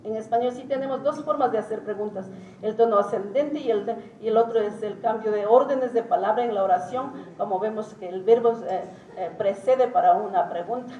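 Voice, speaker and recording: A woman giving an academic lecture as a teacher, talking haltingly with many pauses and hesitations. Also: a little high, warm tone, dull audio. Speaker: symposium speaker and Quichua teacher. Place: conference hall. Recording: roomy hall, distant mic, faint noise.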